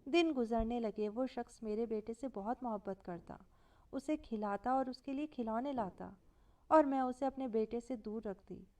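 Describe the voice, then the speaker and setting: A woman's voice: a little high, moderate pace, dark tone, recorded from a distance. A woman narrating a first-person family story, quoting every speaker in her own voice.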